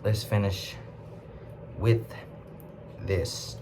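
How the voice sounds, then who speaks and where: A man with a Southern US accent teaches a scripture class in a fairly low voice. He reads verses slowly and then explains them in relaxed everyday speech, asking rhetorical questions. Faint ambient noise sits behind him.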